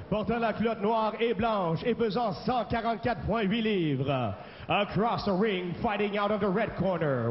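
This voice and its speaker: A high-voiced man works as an arena announcer, booming and theatrical. His formal introductions come over a PA and ring through a big, long-echoing hall. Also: muffled recording. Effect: arena public-address system. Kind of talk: bilingual arena announcer introductions, drawn-out names. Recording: echoing arena PA, band-limited, noisy.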